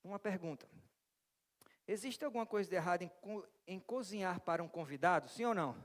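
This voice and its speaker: A male Brazilian pastor with a high voice delivers a lively sermon and keeps drawing the congregation in with questions and jokes. His voice rings with the long reverb of a church hall. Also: fast. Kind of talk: interactive sermon.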